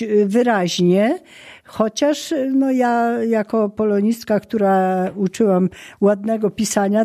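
Mellow-voiced woman, a literature teacher. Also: fairly high pitch. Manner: measured, with frequent hesitation sounds. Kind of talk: documentary interview commentary.

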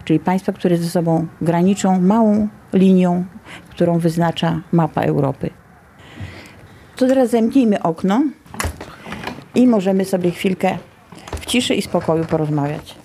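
A middle-aged woman giving a personal account as a teacher, phrasing her thoughts deliberately and reflectively. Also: lowish voice, warm tone, slight background noise. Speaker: Polish language teacher working in Ukraine.

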